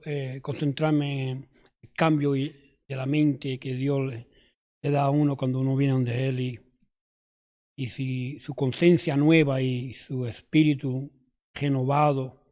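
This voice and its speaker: A man from New York with a New York Spanish accent, giving a nervous, halting personal testimony in church. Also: mid-range voice, dark tone.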